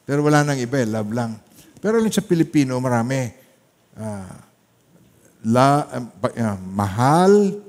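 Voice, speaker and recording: A man with a Filipino accent preaching a sermon, dropping to soft asides and rising to loud, emphatic peaks as he mixes English into his talk. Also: medium pitch. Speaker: pastor. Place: church hall. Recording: reverberant church hall.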